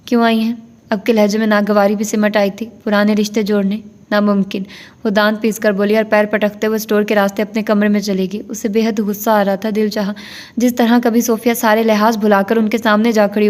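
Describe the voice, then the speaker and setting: Woman narrating an audiobook in a flat voice. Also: mid-range voice. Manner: steady reading, voicing each character in her own voice. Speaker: novel narrator. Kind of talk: scripted narration of a novel.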